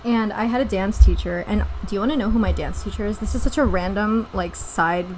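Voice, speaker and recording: A woman's voice: medium pitch, a little fast, slight background noise, poor audio. A woman co-hosting a podcast, chatting casually and telling stories with lots of laughter. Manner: giggly, animated storytelling. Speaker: podcast co-host. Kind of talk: casual chat.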